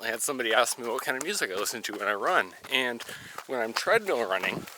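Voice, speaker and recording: A man's voice: mid-range voice, lively intonation, fast, background noise. A man talking casually to camera while running outdoors on a mountain trail, as in a personal vlog. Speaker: running vlogger.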